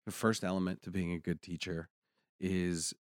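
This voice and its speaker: A man with a very low, deep voice tells a personal story in casual conversation. He talks animatedly and climbs into excited peaks. The sound is dry and close to the mic. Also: normal speed, dry recording.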